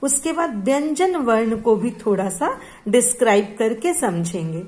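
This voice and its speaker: A woman teacher gives a classroom grammar lesson, with a voice pitched a little high. She talks very slowly and goes over each point again and again. She keeps asking the class questions and then answers them herself. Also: animated, a little mellow.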